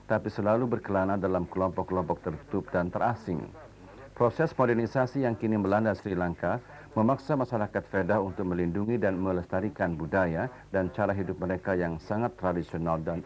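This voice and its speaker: A man with an Indonesian accent reading formal scripted television news, with measured, formal enunciation, as an anchor. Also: sits low, a little mellow. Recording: noisy old TV broadcast recording.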